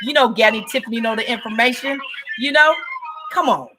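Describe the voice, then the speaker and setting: Woman livestream host, high-pitched, hype-driven, chatty. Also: a little fast, over music. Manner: excitable, hype-building, chatty; greets viewers by name. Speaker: livestream host selling wellness coffee. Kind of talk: casual livestream chat.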